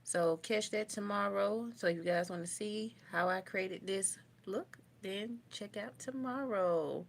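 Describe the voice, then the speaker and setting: A woman's voice: medium pitch, unhurried, gravelly. A young woman, chatting casually on a makeup livestream and answering viewer comments as she goes. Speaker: beauty vlogger doing a livestream. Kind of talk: casual livestream chat while doing makeup. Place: home, indoors.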